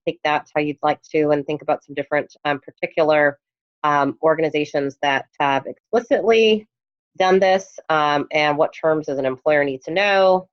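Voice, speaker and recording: A woman with a lowish voice lectures an online class into a headphone mic, her voice worn and hoarse as she loses it. She hesitates with frequent ums between points, and the recording sounds dull and lo-fi.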